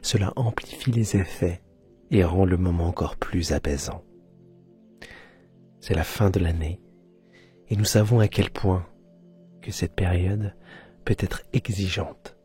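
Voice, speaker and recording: A man guiding a sleep hypnosis session in a soft, soothing delivery, close in the listener's ear, at times trailing into a breathy near-whisper. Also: sits low, measured pace, long pauses. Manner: close binaural voice, right in the ear. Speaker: host of a relaxation and hypnosis channel. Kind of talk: guided sleep hypnosis narration. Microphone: close binaural microphone. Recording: close binaural recording with soft music. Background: soft background music.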